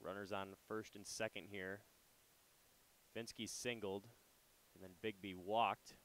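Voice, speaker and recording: A young adult man does laid-back radio baseball commentary and play-by-play at a ballpark, filling gaps with loose filler words. His voice sits fairly low and his pace is measured. There's slight background noise and the recording quality is rough.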